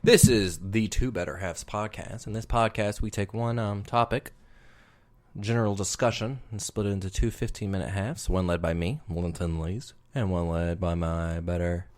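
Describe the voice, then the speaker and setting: A man with a very low, deep voice co-hosts a podcast from home. He talks in a relaxed, joking way into a desk microphone. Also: moderate pace. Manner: joking, playful. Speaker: podcast co-host. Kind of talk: casual chat. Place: home room with lights off.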